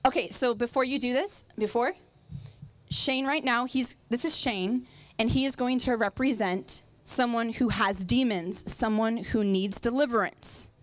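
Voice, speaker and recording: A woman preacher with a high voice talks through a sermon illustration. She is emphatic and circles back on phrases to drive them home. The sound is dry, with little room on it. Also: measured pace, no echo.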